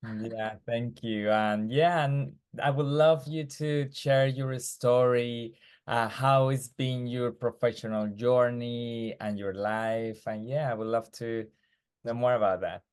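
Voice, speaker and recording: A man's voice: mid-range voice, fairly even intonation, slow, clear, resonant tone. A man hosting a podcast, talking in a casual way and thanking and praising his guest. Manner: warm, effusive thanks and praise. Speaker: podcast host. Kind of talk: casual interview.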